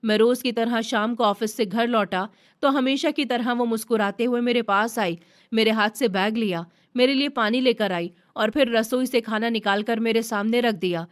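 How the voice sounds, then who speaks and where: A woman reading a first-person story aloud in a steady, earnest narration. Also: on the high side, normal speed.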